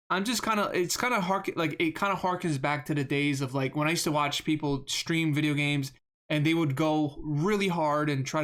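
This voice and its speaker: This is a streamer commentating on gameplay live, his monotone delivery wandering as he mocks himself and repeats words frequently. His pitch is medium.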